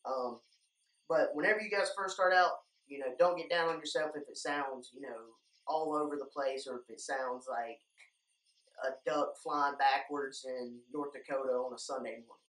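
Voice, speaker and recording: A man's voice: mid-range voice, steady tone, moderate pace, a bit bright. Young guy teaching stuff in a laid-out casual how-to way, plain talker, roomy echo, bit far from the mic. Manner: informal, plain-spoken, addressing viewers as guys. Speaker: duck calling instructor, video host. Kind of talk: casual instructional talk to viewers. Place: indoor room lined with duck decoys. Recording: echoey room, distant microphone.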